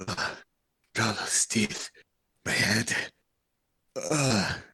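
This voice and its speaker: A dazed, hurt captive groans and calls out, his voice muffled from inside the sack he is tied in, as a man voices him. The voice sits a little low and moves slowly. It is recorded close and dry, with no room sound. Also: animated, pushed and bright, breathy edge, no echo, exaggerated voice. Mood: groaning. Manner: groaning, disoriented. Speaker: game master. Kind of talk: tabletop game character voice.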